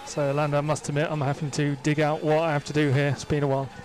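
A man's voice: a little high, little pitch movement, quick pace, a little mellow. Male race engineer on noisy race car radio. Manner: polite, procedural. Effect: team radio. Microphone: headset radio mic. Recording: team radio with clear vehicle noise.

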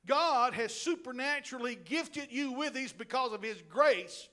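A middle-aged male pastor preaching a sermon in a church, animated and joking, with asides to the congregation. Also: extremely high pitch, a little slow. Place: church sanctuary.

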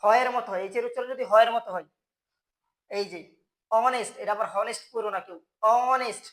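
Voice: mid-range voice, fast talker. Bangla tutor quizzing his class. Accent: Bangladeshi Bengali. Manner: asks the class questions and answers them himself. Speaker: teacher. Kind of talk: grammar lesson for school students.

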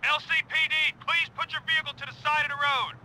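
A man voicing a stern police officer ordering a driver to stop, heard over a bullhorn loudspeaker with a siren. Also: very high voice, little pitch movement, quick pace, slight background noise, heavily acted, poor audio. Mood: commanding. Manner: commanding, issuing orders to a driver. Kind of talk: game voice lines.

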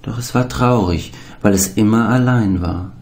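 A man calmly narrating a children's audiobook. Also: on the low side, normal speed. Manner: calm, storytelling.

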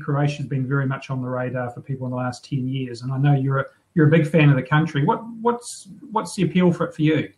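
A middle-aged man hosting an interview over a video call, chatting in a relaxed way and asking leading questions. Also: a little high, rough recording. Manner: conversational, asks leading questions. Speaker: podcast host. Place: room at home.

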